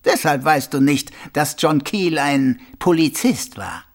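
A man's voice: fairly high pitch, lively intonation, measured pace. A man doing a cold, weary old captain. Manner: cool, clipped, then cutting. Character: tired old male captain, cold and triumphant.

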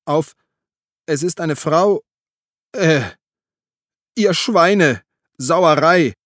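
A drunken detective slurs and curses in a loud, strained, raised voice, as a male narrator voices him. He sounds sloppy and grumpy. The read is close and dry. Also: on the high side, lively intonation, takes it slowly, dry recording, voice pushed up. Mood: drunk grumbling. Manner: slurring, loud, cursing.

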